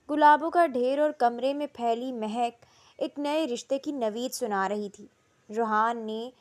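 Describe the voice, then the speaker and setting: A woman reading a romance novel aloud in slow, emotional storytelling narration. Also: on the high side.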